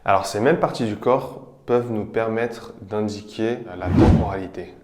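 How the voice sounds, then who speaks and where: A man teaching vocabulary, explaining each example patiently and repeating phrases slowly. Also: on the low side, noisy background. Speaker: language teacher. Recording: roomy echo.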